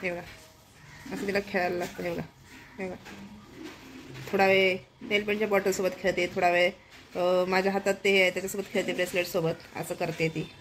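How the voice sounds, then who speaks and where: A woman's voice: fairly low pitch, level tone, a little fast, long pauses, a little hiss or hum. A young woman hosting a casual home vlog, chatting to viewers and constantly pointing things out around her kitchen. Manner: chatty, keeps repeating "look" to viewers. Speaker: vlog host.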